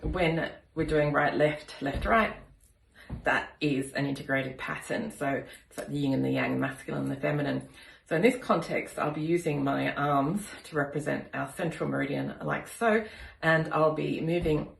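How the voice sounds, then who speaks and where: Low, gravelly woman with a cold. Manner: calm, explanatory, counts slowly. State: has a cold. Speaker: kinesiology practitioner. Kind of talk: demonstration with instruction. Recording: echoey room.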